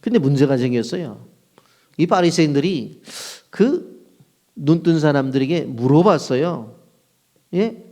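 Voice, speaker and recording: A pastor preaches in a slightly higher than average male voice. He keeps asking the congregation questions and then answers them himself. He briefly acts out the lines he quotes. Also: expressive, unhurried, pauses often, warm tone. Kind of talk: sermon.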